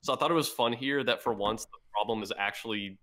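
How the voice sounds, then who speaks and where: Low, bright-voiced man chatting. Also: quick pace. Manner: explains step by step, thinking aloud. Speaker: podcast co-host. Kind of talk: casual chat.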